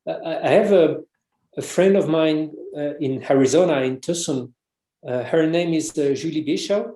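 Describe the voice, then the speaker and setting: This guest, a researcher and author from France, talks at a moderate pace in a mellow voice on the high side, with reverb around him. Chatting casually in French-accented English, he hesitates and restarts often.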